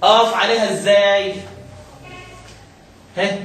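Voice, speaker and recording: A man with an Egyptian Arabic accent teaching Quran recitation rules step by step, questioning his student and drawing out recited verses slowly. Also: sits high, level tone, a bit bright, a little hiss or hum. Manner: questioning, step-by-step explaining, slow drawn-out recitation. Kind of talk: tajweed lesson with a student. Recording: very echoey room, mic far off.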